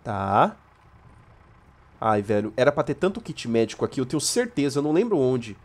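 A man with a Brazilian Portuguese accent hosting a let's play, joking and yelling during firefights and haltingly reading mission text aloud. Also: medium pitch, big pitch swings. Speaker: gaming channel host.

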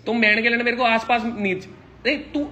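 A man's voice: very high voice, little pitch movement, quick pace, crowd noise. A man, recording himself on his phone indoors and giving aggressive, commanding orders through heavy swearing. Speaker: vlogger livestreaming a confrontation. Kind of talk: live-streamed confrontation. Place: indoors in a locked house.

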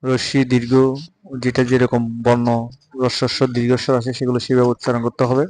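A man with a Bengali accent giving a patient spoken pronunciation lesson, repeating example words slowly. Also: mid-range voice, completely flat delivery, darkish tone, dry recording, rough recording. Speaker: Sanskrit recitation teacher.

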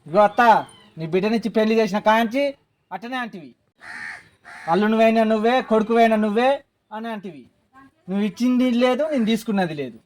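Village comedy actor, male, very high voice, nagging and quarrelsome delivery. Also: quick pace, pauses often. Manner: whining, demanding, then shouting threats. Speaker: comic actor playing a live-in son-in-law. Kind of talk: village comedy sketch acting.

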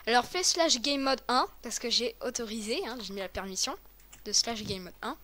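A woman's voice: fairly high pitch, moderate pace, bright, forceful tone, a little hiss or hum. A woman hosting a casual game tutorial with a friend, talking in a chatty, hesitant way with many fillers and restarts. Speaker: host of a game tutorial video.

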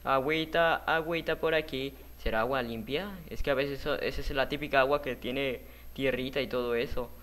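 A man's voice: medium pitch, fairly even intonation, a little fast, few pauses, a bit bright. A man hosting a gaming video, talking viewers through a parkour map in a chatty way and yelping and laughing when he falls. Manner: chatty, talks to viewers while playing; jumpy, yelps and laughs at his own falls. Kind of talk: let's-play gameplay commentary.

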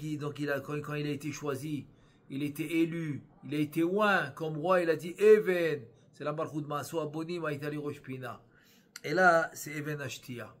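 Higher-voiced man teaching a religious text. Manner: slow, sing-song reading of the Aramaic text, then repeated explaining in French; repeats phrases and restarts while explaining. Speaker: rabbi teaching Kabbalah. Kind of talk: religious lesson, reading Aramaic text then explaining it.

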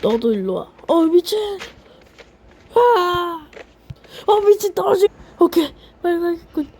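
High-pitched, shouty woman gamer. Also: very animated, unhurried, slight background noise. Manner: shouty, swears, switches between playful role-play and yelling. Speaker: gaming YouTuber. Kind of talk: excited gameplay commentary with role-play voices.

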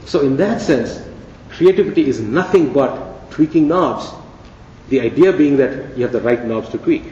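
A man's voice: mid-range voice, lively intonation, moderate pace, mellow, slight background noise. A man giving a conference keynote lecture, conversational and playful, with rhetorical questions. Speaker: keynote speaker. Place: large conference hall. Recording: dull, echoey hall recording from a distance.

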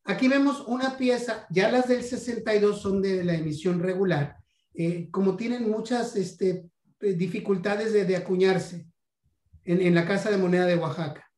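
This guest numismatics lecturer, a Mexican man, talks about the history of coins in a voice that sits high and sounds a little mellow. He keeps stumbling, repeating words and reaching for "este" as a filler, while the space around him echoes roomily.

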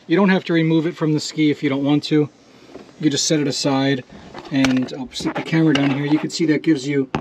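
A man with a slightly high voice talks through a hands-on repair in a casual, matter-of-fact way. He speaks outdoors into a camera microphone. A faint hiss of open air sits behind him. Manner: casual, step-by-step, swears when frustrated. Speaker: DIY mechanic host. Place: outdoors beside a jet ski.

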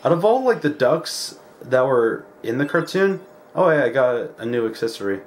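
A man's voice: mid-range voice, big pitch swings, normal speed, slight background noise. A man hosting a let's play, talking casually over gameplay with lots of filler words. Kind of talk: casual game commentary. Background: game music.

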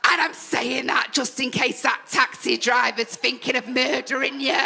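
A young woman with a Mancunian accent performing a live stand-up comedy set on a club stage, chatty and full of quick asides, with the audience laughing. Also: sits high, little pitch movement, creaky, music in the background. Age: young adult. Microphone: stage microphone.

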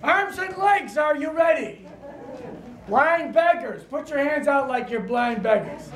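A man's voice: very high-pitched, lively intonation, unhurried, fairly bright tone. Theatrical older man chanting a poem. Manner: theatrical, chanting, leading call-and-response, big gestures. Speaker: performance poet. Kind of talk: interactive spoken-word performance. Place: gallery room with audience. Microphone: far camera. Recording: echoey room, crowd noise.

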